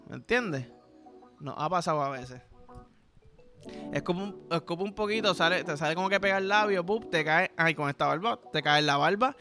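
Young puerto rican guy, high bright voice, vulgar slangy rant with sound effects. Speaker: podcast host. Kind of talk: crude comedic monologue.

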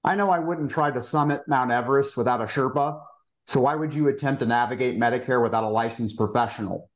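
Male podcast guest, financial advisor, average pitch, polished and measured delivery.

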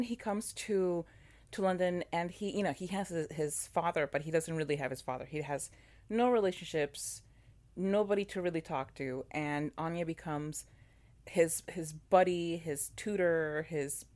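Chatty low-voiced woman. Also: moderate pace. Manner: animated, many fillers and restarts. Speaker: podcast co-host. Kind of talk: casual chat about a TV show.

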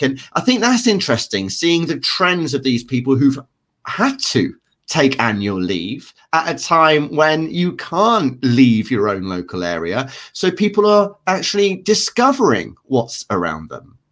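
A man co-hosting a podcast, talking in a lively, animated way. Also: fairly high pitch. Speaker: podcast co-host. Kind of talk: casual podcast discussion.

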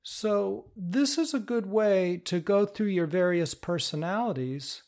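A man giving a patient, step-by-step instructional talk, explaining calmly. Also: high-pitched, unhurried. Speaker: teacher of inner-parts work.

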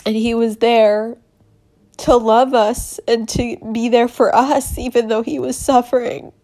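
Young woman talking slow and kinda high, teary, laughing thru it, lots of "like". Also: little pitch movement, dark tone. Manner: tearful, laughing through, halting with many "like"s. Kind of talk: emotional personal monologue.

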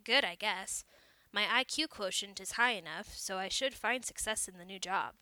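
A woman voices an earnest, clever young office man who presses his questions sincerely. The voice is bright and forceful, dry and close, in a storybook reading. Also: mid-range voice, moderate pace, dry recording. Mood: modest.

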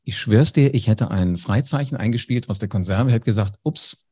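A man's voice: on the low side, a little fast, warm tone, breathy edge. A man, a former radio host, telling anecdotes in a casual interview, speaking directly to the listener. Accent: German.

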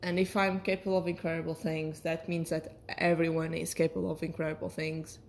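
Lower-voiced woman in casual reflective monologue. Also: level tone, a little fast, vocal fry, a little hiss or hum. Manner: hesitant, searching for words, self-correcting. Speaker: solo podcast host.

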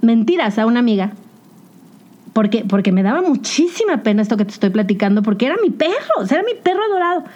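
A young woman with a Mexican accent hosting a podcast, telling a personal story in a casual, animated confessional monologue. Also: on the high side, fast talker, muffled recording. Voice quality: chatty, animated storytelling with English slang. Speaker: podcast host.

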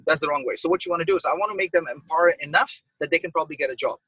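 A man, a restaurant owner, talking in a casual podcast interview, an excitable storyteller who acts out quotes. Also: on the high side, very fast, breathy edge, dry recording, rough recording. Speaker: pizza restaurant owner, guest.

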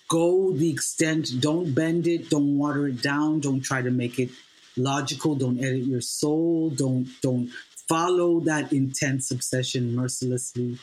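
On a podcast, a playwright whose first language is Swahili speaks earnestly and haltingly, using fillers, before building to emphatic repeated lines. His voice is a little high with a darkish tone, and the poor audio carries a little hiss or hum.

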